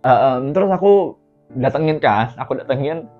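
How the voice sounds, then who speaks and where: A man's voice: medium pitch, lively intonation, moderate pace, narrow, tinny audio, faint music behind. A young man earnestly telling a personal story to his viewers, often speaking to them directly. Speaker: vlogger.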